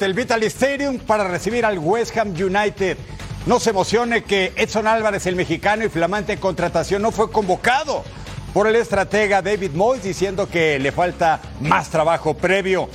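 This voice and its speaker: A man giving football highlights commentary in a colloquial, exclamatory way, talking straight to the viewer. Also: fairly bright tone.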